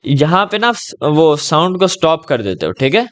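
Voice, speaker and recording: A man giving a patient one-on-one Arabic lesson over a video call, gently reassuring and checking in often. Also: fairly high pitch, very animated. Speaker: Arabic tutor.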